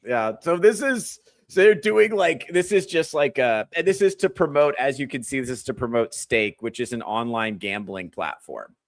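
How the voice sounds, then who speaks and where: A man's voice: mid-range voice, expressive, moderate pace, few pauses, no echo. A man hosting a comedy podcast, ranting animatedly about clips and swearing freely. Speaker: podcast host.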